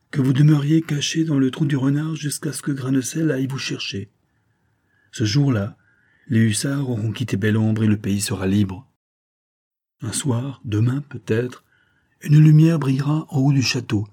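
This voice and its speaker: A man's voice: medium pitch, warm tone, breathy edge, close to an everyday voice. A man voicing a devoted young noblewoman who pleads with her father in an audiobook. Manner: pleading, earnest.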